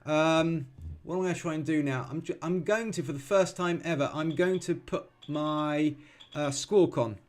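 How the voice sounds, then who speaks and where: Man giving calm live trading commentary. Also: on the high side, normal speed. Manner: thinks aloud with many ums and self-corrections; calm, explanatory, teaching as he watches. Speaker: futures trader streaming live.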